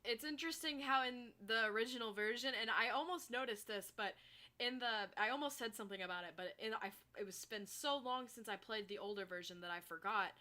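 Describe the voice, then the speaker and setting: A woman's voice: a little high, brisk, sharp tone. A woman hosting a let's play, chatting emotionally about the game with lots of fillers. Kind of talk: casual gameplay commentary.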